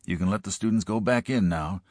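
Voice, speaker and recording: A man voicing a gruff, weary middle-aged small-town sheriff giving orders. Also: low-pitched, brisk, a little mellow, no echo, studio quality. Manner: gruff, commanding.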